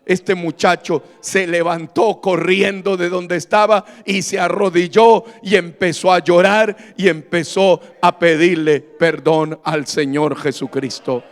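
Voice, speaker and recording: Speaking unhurriedly and steadily, with few pauses, this pastor has a high voice that fills a large, reverberant church hall. He leads a congregation through an impassioned Bible study, exhorting emphatically and repeatedly questioning them.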